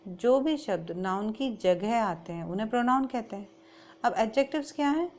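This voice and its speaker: A woman with an Indian accent teaches a grammar class. She says each point in English and then explains it again in Hindi, in the plain, steady voice of a classroom teacher. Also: on the high side, moderate pace, muffled recording.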